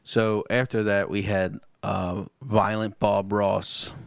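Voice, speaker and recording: A man's voice: on the low side, flat delivery, takes it slowly, vocal fry, clean tone, no room sound, clean studio sound. A man co-hosting a casual podcast, recapping fights in a laid-back, profane, joking way. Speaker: podcast co-host.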